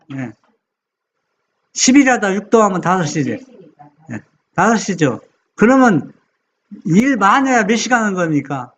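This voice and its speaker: A pastor preaching a sermon, reading scripture slowly and putting questions to the congregation. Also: male voice, high voice, a bit bright. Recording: dull lo-fi sound.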